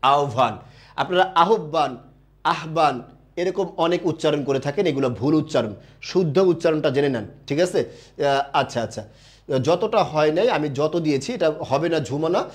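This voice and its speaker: A man's voice: on the high side, animated, normal speed, darkish tone. A young man teaching a live online class. He asks questions and answers them himself, and reads viewer comments aloud.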